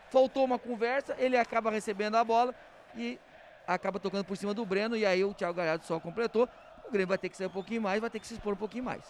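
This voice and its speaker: A man gives live football analysis as a commentator, emphatic and sometimes halting on repeated words. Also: high-pitched, slight background noise. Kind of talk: animated match analysis.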